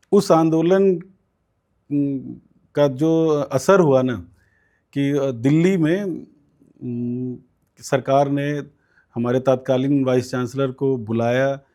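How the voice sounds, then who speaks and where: A warm-toned man with a mid-range voice, guesting on an interview as a student politician. He tells a lengthy tale in a conversational manner, using lots of fillers and quoted voices.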